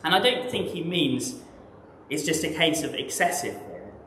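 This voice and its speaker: A man with an English accent delivers a sermon in a church, his voice sitting a little higher than most men's. He speaks in a measured, reflective way and often poses rhetorical questions. The room around him is echoey, with a faint hum of ambience. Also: big pitch swings, bright, forceful tone. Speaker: preacher.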